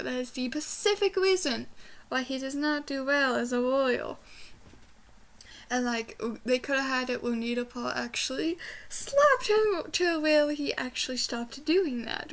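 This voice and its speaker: A woman's voice: sits high, normal speed, fairly bright tone. A young woman chatting casually in a rambling review vlog, with trouble saying her R's, which come out like W's. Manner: trouble pronouncing R sounds, says w for r. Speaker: book reviewer. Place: small bedroom, indoors.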